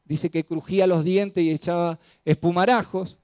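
Predicador de voz algo aguda. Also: male voice, high voice, fairly even intonation, no room sound. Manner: dramatic storytelling, swings loud and soft, slows for emphasis. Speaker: pastor. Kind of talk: sermon.

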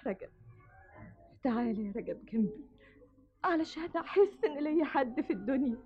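A woman's voice: high-pitched, lively intonation, normal speed. An actress playing a defiant, bitter young orphan girl with an Egyptian accent, accusing her father in an old radio drama. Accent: Egyptian Arabic. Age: young adult. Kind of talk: 1970s radio drama acting. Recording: dull old radio recording.

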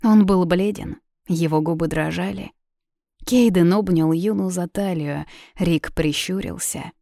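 Audiobook narrator: a woman with a low, dark voice, even and measured. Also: creaky, dry recording, studio quality. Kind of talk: audiobook fiction reading.

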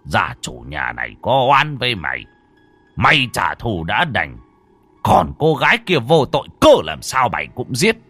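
A man voicing a stern old exorcist master who scolds loudly. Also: medium pitch, wildly swooping pitch, a little slow, slightly rough, no room sound, heavily acted. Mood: reproachful.

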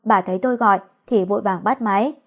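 A woman narrating a romance novel in a lively storytelling manner. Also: mid-range voice, quick pace.

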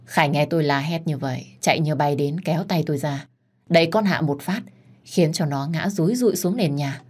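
Female narrator, low register, first-person drama reading. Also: fairly quick, a little mellow, slightly rough. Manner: low voice, rises sharply for quarrel lines. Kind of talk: first-person story reading with voiced dialogue.

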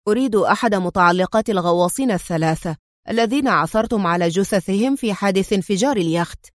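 A woman's voice: mid-range voice, fast talker, no room sound, clean studio sound, lightly acted. A woman voicing a stern, tough male secret agent in a storybook reading, clipped and menacing.

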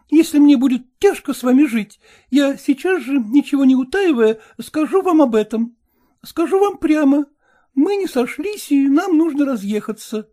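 A man putting on a brisk, frank young woman. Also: very high voice, mellow, pitched above the performer's own voice. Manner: brisk, coaxing, insistent. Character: lively, frank young woman setting terms.

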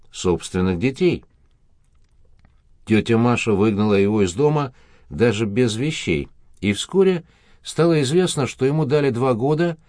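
Low-voiced man narrating a dark story. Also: no echo, clean studio sound.

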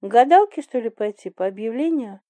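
A woman's voice: a little high, lively intonation, fairly quick, dark tone, dry recording, close to an everyday voice. A woman voicing an unsure, earnest young teacher. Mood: hesitant.

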